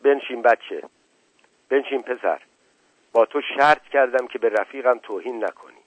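A man's voice: mid-range voice, breathy edge, no echo, highs cut off, natural voice. A man voicing a firm older brother who gives commands.

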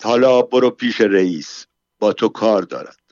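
A man's voice: fairly low pitch, a little mellow, no echo, dull audio, lightly acted. A man voicing a weary, blunt male guard who talks to his coworker with impatience and exasperation. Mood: impatient.

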